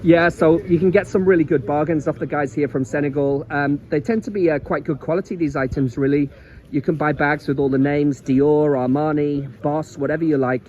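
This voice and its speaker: A man from England with a Liverpool accent gives a rambling, chatty walking tour of a seaside promenade for his casual travel vlog, repeating words as he goes. His voice leans high and a little mellow, and the sound is lo-fi.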